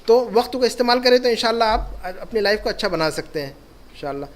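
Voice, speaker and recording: A man's voice: high voice, expressive. A man teaching a classroom lesson as an Arabic teacher, encouraging his students and repeating key points.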